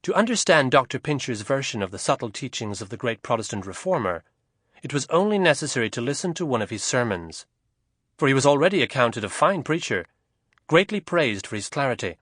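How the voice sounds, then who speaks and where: A man with a mid-range voice narrates a historical novel as an audiobook in a measured, expressive storytelling style. The studio sound is clean, with no room sound.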